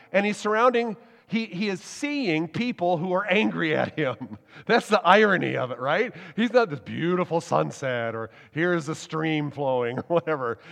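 A man preaching a sermon, telling the story in a lively, animated way with laughs and acted-out quotes. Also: on the high side, vocal fry. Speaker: pastor. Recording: long hall reverb.

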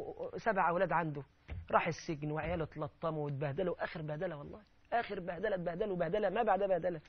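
A man preaching in Egyptian colloquial Arabic, fervent and quick, acting out the voices he quotes with sudden loud bursts. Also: on the high side, dull audio.

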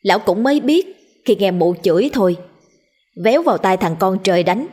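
A woman narrating a village story in a lively, colloquial storytelling manner. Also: mid-range voice, fairly quick.

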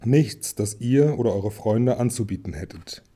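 A man reading aloud and voicing a proud, furious male dwarf king who shouts with contempt. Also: mid-range voice, lively intonation, moderate pace, breathy edge. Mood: angry.

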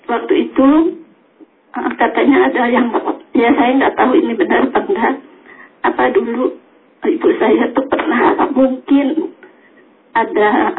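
A woman in her sixties calling in to a radio show, asking a question hesitantly with many pauses. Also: on the high side, steady tone, a little hiss or hum. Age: 60s. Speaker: caller. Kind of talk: phone-in question. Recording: tinny phone line.

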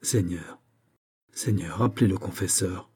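A man playing an anxious, deferential physician who speaks in a hushed, hesitant way, with a husky voice. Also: fairly low pitch, normal speed.

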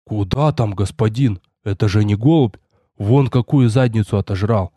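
A man voicing a blunt, loyal male hunter who talks in gruff, folksy speech, well below his own pitch. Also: normal speed, dark tone, dry recording.

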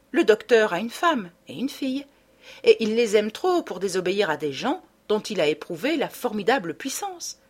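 A woman voicing an eager, sharp young man who reasons like a detective, confident and animated, in an audiobook. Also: a little high, pitched above the performer's own voice.

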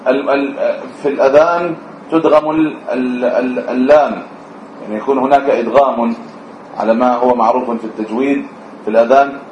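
A male religious teacher with a medium-pitched, darkish voice and a lilt gives a classroom lesson on the call to prayer, singing out short examples and quizzing his students. The recording is muffled and echoey, made in an echoey room with slightly dull sound and a little background noise.

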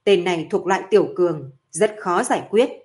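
A man's voice: sits high, a little fast, darkish tone, close to an everyday voice. A woman voicing a grim male sect elder who speaks in a heavy, solemn way.

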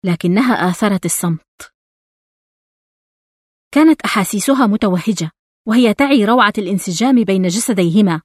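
A woman reads a novel aloud in a measured, intimate storytelling voice. Her pitch sits in the ordinary middle range. The sound is close and dry, with no room around it. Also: no echo. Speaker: audiobook narrator. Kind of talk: literary audiobook narration.

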